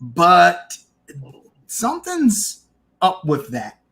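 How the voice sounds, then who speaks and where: A man co-hosting a casual sports podcast, opinionated and animated, restarting his sentences as he argues. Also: high voice, extremely slow, creaky. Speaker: podcast co-host.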